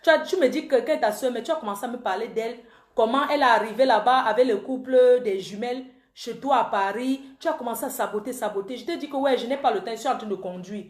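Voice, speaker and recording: A woman who calls herself the panther angrily accuses a man, addressing him directly though he's absent, in an emotional live-stream rant as an online commentator. She's accusatory and repetitive. Her voice is on the high side and fast, in an echoey room.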